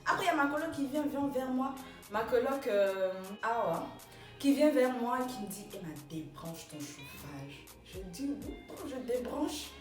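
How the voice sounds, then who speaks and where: A young woman tells a casual storytime to her viewers, animated and exclamatory, with her voice leaping higher when she replays an argument. She sits back from the microphone in a roomy space, and soft music plays underneath. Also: moderate pace, distant mic. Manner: rising sharply when retelling quarrels. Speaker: vlogger. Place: small room indoors. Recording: roomy, from off-mic.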